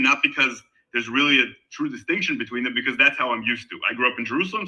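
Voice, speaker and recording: A middle-aged man from Israel, talking in a casual online debate in an animated, emphatic way with frequent restarts. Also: a little high, low-quality recording. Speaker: guest in an online discussion. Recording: voice call on a discussion server.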